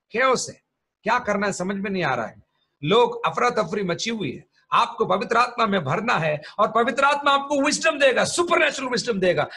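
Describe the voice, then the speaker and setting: Husky-voiced pastor preaching. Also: male voice, sits high, pushed and bright. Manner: mixes English terms into teaching, tells stories. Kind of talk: teaching sermon. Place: church.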